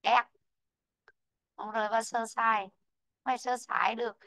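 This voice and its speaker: Slow woman teaching English stress. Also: a little high, steady tone, bright, forceful tone, low-quality recording. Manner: slow, drawn-out model pronunciations of English words; calls out student names and marks answers right. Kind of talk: online English pronunciation lesson.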